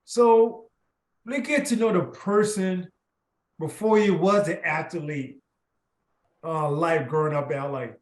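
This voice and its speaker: Taking it slowly and pausing often, a podcast host with a voice on the high side and a steady tone chats through a casual interview. He rambles loosely, filling gaps with constant affirmations, and the video call audio sounds roomy.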